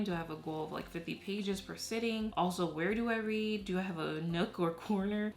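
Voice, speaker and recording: A woman from Haiti chats casually to camera as she works on a craft, her voice sitting on the low side. She laughs easily and lets her sentences trail off. The room around her is noticeably echoey. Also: slight background noise. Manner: chatty, laughs often, trails off. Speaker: vlogger. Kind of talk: casual chat while crafting.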